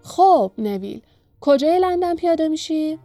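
A woman voicing an excitable young male bus conductor who shouts with excitement, in a storybook reading. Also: extremely high pitch, dry recording, soft background music, pitched above the performer's own voice. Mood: eager.

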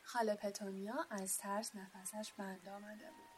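A woman's voice: medium pitch, level tone, slight background noise, poor audio. Woman narrating a storybook. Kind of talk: audiobook narration of a novel.

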